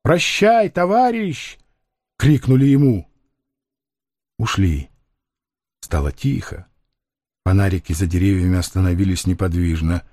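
A man narrating an audiobook in a measured, grave reading. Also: low-pitched, dark tone, no echo, studio quality.

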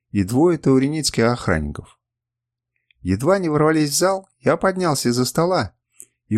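Expressive male audiobook narrator. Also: mid-range voice, no echo, studio quality. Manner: expressive, dramatic storytelling. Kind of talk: scripted first-person narration.

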